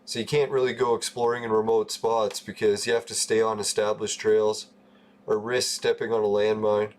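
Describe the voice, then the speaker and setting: A man's voice: lowish voice, flat delivery, normal speed, slight background noise. A man in his forties from Canada, chatting casually and loosely on a gaming livestream, swearing often and laughing at his own stories. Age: 40s. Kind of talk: casual rambling chat.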